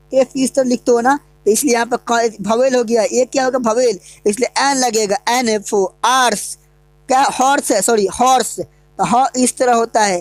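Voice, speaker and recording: A woman's voice: fairly high pitch, no room sound. A woman teaching English grammar in an online lesson, asking the class questions and answering them herself.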